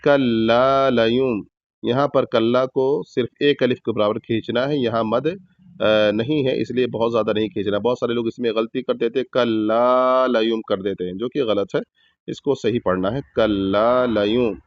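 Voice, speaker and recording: A man of ordinary pitch gives a patient, step-by-step recitation lesson, stopping often to chant single words slowly as examples. The recording sounds muffled and lo-fi, with a dry, close tone and no room echo. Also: fairly even intonation. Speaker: Quran recitation teacher.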